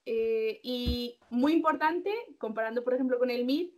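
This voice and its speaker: A woman's voice: a little high, unhurried, very noisy. A young woman in her twenties, a resident doctor being interviewed, explaining steps casually with many fillers and self-corrections.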